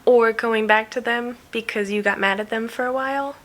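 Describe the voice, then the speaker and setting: A woman's voice: fairly high pitch, fairly even intonation, moderate pace, fairly bright tone, slight background noise. Chatty rambling woman vlogger. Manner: rambling, chatty, with fillers and little laughs. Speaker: knitting podcast host. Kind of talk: casual chat to camera.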